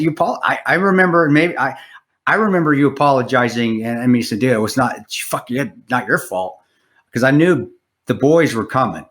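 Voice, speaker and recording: A man's voice: mid-range voice, fairly bright tone. A man hosting a casual interview podcast, telling stories in a profane, rambling way full of restarts. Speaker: podcast host.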